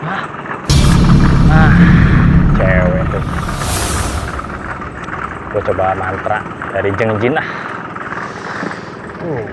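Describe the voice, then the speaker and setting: A man's voice: on the low side, animated, extremely slow, long pauses, very noisy. A man acting in a comedy sketch, cheeky and joking as he flirts.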